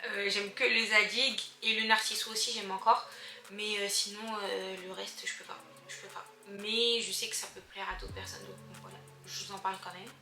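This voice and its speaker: A woman's voice: medium pitch, level tone, moderate pace, vocal fry, sharp tone, faint music behind. Chatty young woman in an echoey room. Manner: chatty, filler-heavy, addresses viewers as girls. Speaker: beauty vlogger. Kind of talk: casual chatty beauty advice vlog.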